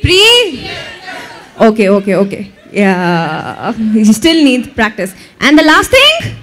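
A woman hosts a live event, her high voice swooping all over as she teases the audience. She talks slowly and deliberately, coaxing people to join in. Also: a little hiss or hum. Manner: lively, teasing crowd banter. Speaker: event emcee.

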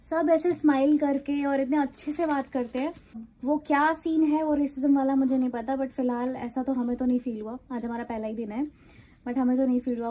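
A woman's voice: sits high, dark tone. Chatty young woman vlogging to phone. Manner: chatty storytelling, laughs often. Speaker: travel vlogger. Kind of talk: casual vlog chat to camera. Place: car at night, then hotel room. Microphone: phone camera at arm's length.

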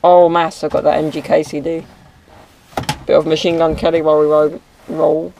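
A man's voice: fairly high pitch, level tone, normal speed, creaky, darkish tone. Young man chatting offhand in a noisy car. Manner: rambling, offhand, joking. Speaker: vlogger. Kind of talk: casual vlog chat. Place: inside a car at night. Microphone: handheld action camera at chest level.

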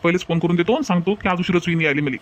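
Flustered late husband, man doing the voice, fast and high, dull lo-fi sound. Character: hurried husband late for office.

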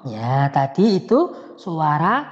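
Very slow sing-song teacher. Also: male voice, on the high side, big pitch swings, a little hiss or hum. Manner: sing-song, coaxing, asks questions and answers them himself. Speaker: elementary school teacher. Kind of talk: children's language lesson. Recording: echoey, dull lo-fi recording.

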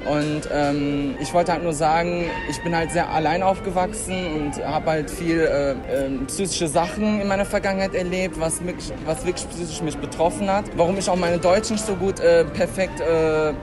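Ein junger Mann mit Türkisch als Muttersprache, der stockend und nach Worten suchend über sich selbst spricht. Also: male voice, a little high, fairly even intonation. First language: Turkish. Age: young adult. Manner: halting, repeatedly searching for words. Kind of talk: casual personal statement. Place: tiled public passage. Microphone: handheld fluffy microphone. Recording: loud music, tiled urban underpass.

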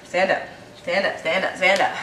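At home, a woman with a fairly low, sharp-toned voice coaxes her toddler through letters in a sing-song, encouraging way, her intonation fairly even and her speed normal. The home video was captured on a camcorder's built-in microphone, and the room sounds echoey with a faint hiss.

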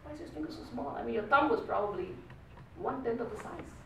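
A man with an Indian accent tells a tall tale as a live speech, theatrically, with acted-out dialogue and dramatic pauses. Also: very high voice, lively intonation, creaky. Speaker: speech contest speaker. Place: small meeting room with a whiteboard. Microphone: distant camera microphone. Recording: echoey room, distant mic, faint noise.

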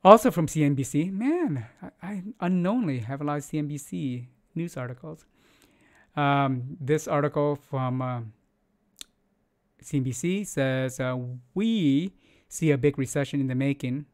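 A man in his forties, not a native English speaker, hosts casual screen-share market news from his home studio on a close mic, his voice fairly high and darkish at a normal pace. His English delivery is loose, full of fillers and restarts.

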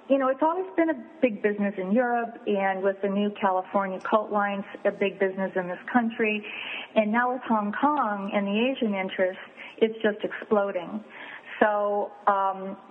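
Woman appraiser, interview guest, measured and explanatory, tinny phone-line sound with light hiss. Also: medium pitch. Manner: measured, explanatory, lists things step by step. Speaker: fine art and wine appraiser, guest. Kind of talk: interview answers.

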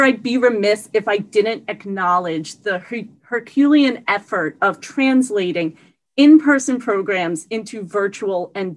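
A woman giving a prepared award acceptance speech over a video call, earnest and steady. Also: mid-range voice, low-quality recording. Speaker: award recipient.

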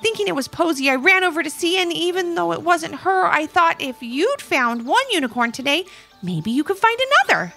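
A tiny, kind-hearted gnome with a high, lilting voice that climbs and dips with feeling, as a woman reading a storybook puts her on. She speaks gently, with a pleading, worried edge. The tone is bright and has a slight gravelly fry. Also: very animated, fairly quick, faint music behind, full character voice. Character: sweet kind little female gnome.

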